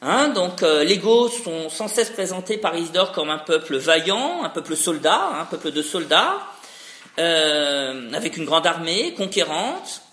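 Unhurried and a bit bright, the man's high-leaning voice swings widely in pitch as he lectures on an academic subject. He is discursive, restarting sentences and tossing in "hein" tags, all captured with roomy echo.

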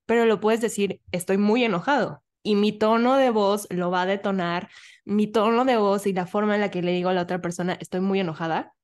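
A woman co-hosting a casual podcast, making her points with conviction. She drives her explanations home and slips into acted-out snippets of what people say. Her voice sits at an ordinary middle pitch. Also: fairly even intonation, a little fast, a little mellow. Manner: emphatic, explains with acted-out examples. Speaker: podcast co-host.

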